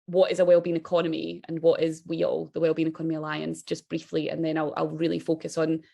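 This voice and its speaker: A woman speaks in a strong, broad Scottish accent. Her voice sits fairly low with a gravelly edge of fry. She presents informally over a video call, chatty and full of enthusiasm. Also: completely flat delivery, quick pace, dark tone. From Scotland. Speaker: guest speaker, interim director of an organisation.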